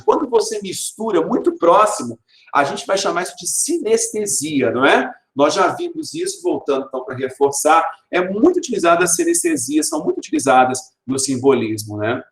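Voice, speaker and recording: A male teacher with a Brazilian Portuguese accent giving a recorded literature lesson. He explains, asks rhetorical questions and answers them, and reads verse slowly with stressed sounds. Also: high voice, wildly swooping pitch, gravelly. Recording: echoey room.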